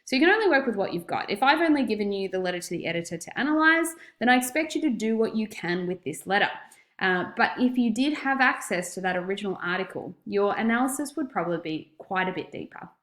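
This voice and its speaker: Female teacher, Australian accent, medium pitch. Instructive recorded lesson with emphatic key points, noticeably echoey room. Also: expressive, fast talker, a bit bright. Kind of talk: recorded classroom lesson, explanatory.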